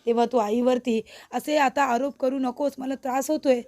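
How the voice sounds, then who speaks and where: A woman's voice: high voice, fairly even intonation, normal speed, warm tone, natural voice. A woman voicing a young husband who scolds his wife and defends his mother. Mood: scolding. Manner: scolding, insistent.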